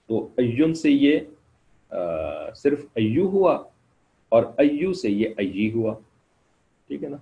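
Gravelly-voiced man teaching slowly. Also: mid-range voice, dull audio. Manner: slow explanatory, keeps asking "ٹھیک ہے نا". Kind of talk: online class lecture.

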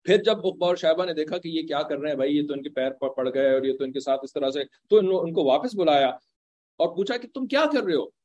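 Guy retelling a religious story like he's chatting, keeps going "right?" at listeners, throws in english words, voice sits a bit high, dry sound. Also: a little fast, a little mellow, no echo, muffled recording.

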